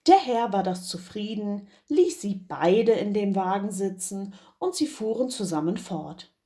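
A woman reading a fairy tale aloud in a measured, expressive storytelling manner. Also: medium pitch.

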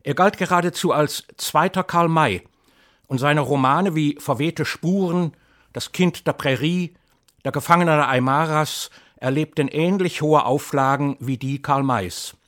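A middle-aged man reading an introduction and then telling a story with measured, lively delivery. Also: fairly high pitch. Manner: measured, lively storytelling, slips into dialect for the tale. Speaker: narrator and reader.

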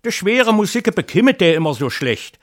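A man's voice: high-pitched, sing-song, normal speed, pitched above the performer's own voice. A man putting on a fretful old Kassel wife. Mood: pleading. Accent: Kassel dialect. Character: fretful old wife pleading with her husband.

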